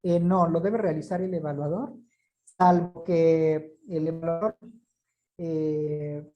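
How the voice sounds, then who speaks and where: A woman's voice: low-pitched, steady tone, takes it slowly, lo-fi sound. A woman from a certification body, answering questions in an online meeting in a formal, explanatory way.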